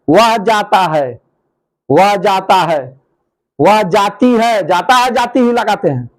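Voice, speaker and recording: Male English tutor, Indian accent, high-pitched and very unhurried, repeats lines for learners. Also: rough recording. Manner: repeats phrases slowly, drawn out, asks learners questions. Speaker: English teacher. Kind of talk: slow classroom explanation.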